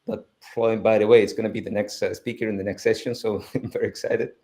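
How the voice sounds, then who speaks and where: On a live-stream panel, a foundation founder from Spain, middle-aged and Spanish-accented, talks earnestly with many restarts. His voice is fairly low and darkish, with a flat, fast delivery.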